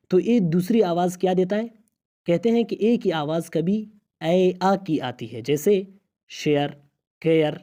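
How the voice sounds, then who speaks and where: Male teacher, mellow and warm, patient step-by-step explaining, drawing out each sound. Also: a little high. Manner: patient and explanatory, repeating sounds slowly one by one. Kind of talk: online lesson in English pronunciation.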